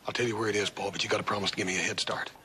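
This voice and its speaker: An actor playing a loyal, troubled, big-hearted rancher in a 1960s TV western, with halting, folksy American speech. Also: male voice, lowish voice, fairly even intonation, pushed and bright. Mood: troubled, earnest. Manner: halting, folksy, plain-spoken. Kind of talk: 1960s television western acting. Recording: noisy old TV soundtrack.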